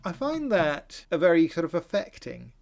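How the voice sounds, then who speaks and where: Gravelly guy hosting a film podcast, thinking out loud, lots of restarts. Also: on the high side, huge pitch swings, moderate pace. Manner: musing, analytical, with frequent restarts. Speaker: podcast host. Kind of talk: casual film discussion.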